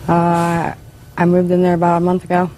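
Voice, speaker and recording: Subdued, flat, mellow-voiced woman. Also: lowish voice, normal speed, slight background noise. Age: 30s. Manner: subdued, deferential. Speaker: defendant in a TV court. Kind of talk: brief courtroom answers.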